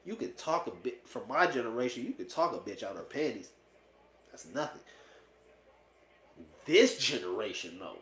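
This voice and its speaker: Speaking at a moderate pace with long pauses, a late-twenties vlogger delivers blunt, slangy, profane dating opinions, casually repeating phrases to drive them home. His medium-pitched voice is animated and a bit bright. The audio is echoey and roomy, with a little hiss or hum.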